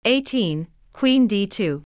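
Clear, slow woman announcing chess moves. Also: medium pitch, expressive, no room sound, studio quality. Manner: clipped announcements, move by move. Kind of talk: scripted reading of game notation.

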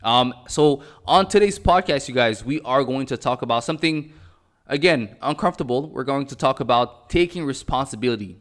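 A man from Cameroon, raised in Montreal, hosting a motivational podcast in an energetic style and repeating phrases for emphasis. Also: mid-range voice, brisk. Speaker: podcast host.

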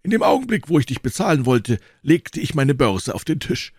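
A man's voice: a little high, very animated, a little fast, slightly rough, no room sound, clean studio sound, pitched above the performer's own voice. Man voicing a theatrical drunken musketeer. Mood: mocking. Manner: grandly theatrical. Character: world-weary, hard-drinking male musketeer. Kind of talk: audiobook character voice.

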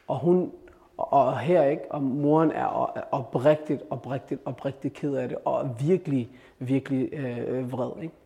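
A man preaching and telling a religious story, animated and questioning his listeners. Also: medium pitch, creaky. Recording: reverberant hall.

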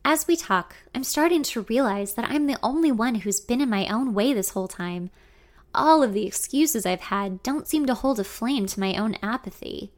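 Young woman, expressive first-person narrator, slightly high voice. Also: moderate pace. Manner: intimate, expressive.

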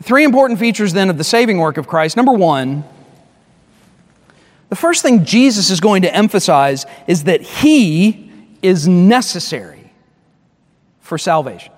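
A man preaching a sermon as pastor, emphatic, often restarting phrases and slowing down to stress a point. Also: sits high, very animated. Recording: long hall reverb.

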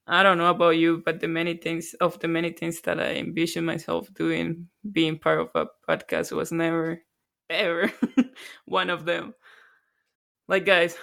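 A woman from Colombia co-hosts a casual podcast, speaking softly and reflectively with a self-deprecating touch. Her delivery stays flat and even, and her voice has a gravelly fry. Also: fairly low pitch. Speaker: podcast co-host.

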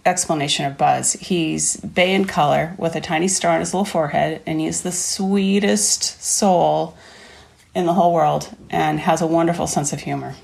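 A woman's voice: low voice, fairly even intonation, moderate pace, creaky. A woman telling an earnest, heartfelt personal story about riding and training her horse. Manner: earnest, heartfelt, warmly reflective.

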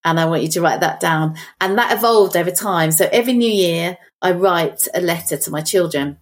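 A woman's voice: lowish voice, brisk. A middle-aged woman, chatting on a podcast and telling stories while thinking aloud. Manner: reflective, storytelling, thinks aloud. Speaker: podcast co-host. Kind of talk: casual chat.

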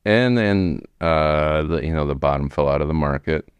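A man in his forties with an American accent, telling his story casually in a halting, rambling way as an interview guest. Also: rumbling low, smooth, dry recording. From United States, Wisconsin. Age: 40s. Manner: rambling, halting, frequent "you know". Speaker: podcast guest, remodeling tradesman.

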